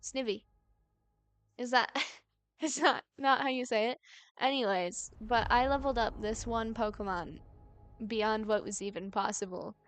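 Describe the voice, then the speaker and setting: A woman's voice: a little high, fairly even intonation, normal speed, fairly bright tone. A woman live streaming in casual chat, rambling, giggly and playfully argumentative, often correcting herself mid-thought.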